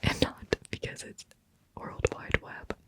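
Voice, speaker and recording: A woman hosting an ASMR video in a close whisper, right in your ear on a binaural mic, lingering over and repeating words. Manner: slow, lingering repetition of words. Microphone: close binaural microphone.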